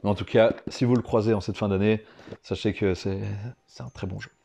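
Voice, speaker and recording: A man's voice: fairly low pitch, fairly even intonation, a little fast, vocal fry, dark tone. A man co-hosting a casual chat about board games, talking with frequent hesitations. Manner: chatty, hesitant with fillers. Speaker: board game reviewer co-host.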